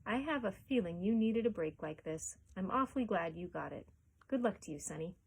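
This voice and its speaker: A woman voicing a fat, excitable but kindly male shopkeeper in a storybook reading. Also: medium pitch, fairly quick, husky, low-quality recording. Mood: kindly hushed. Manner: loud, shouting excitedly.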